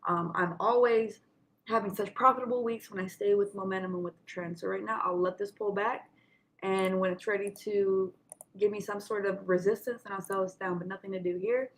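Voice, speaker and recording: A woman with a mid-pitched voice talks students through charts in an informal live session. She has a slight lisp, as from wearing retainers. She addresses her listeners directly in an instructive way, often checking in with them. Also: steady tone, fairly quick, a little hiss or hum. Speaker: trading coach hosting a market session.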